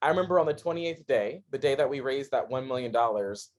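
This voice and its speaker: A man in his thirties, a guest on a podcast, telling his story in a casual interview, laughing often and swinging between excitement and quiet earnestness. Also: mid-range voice, a little fast. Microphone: podcast microphone.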